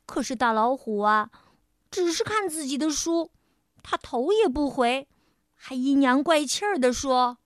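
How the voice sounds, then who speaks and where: A woman storyteller and radio host, reading a children's picture book in a playful, expressive first-person voice. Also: high-pitched, a little slow, dry recording, studio quality.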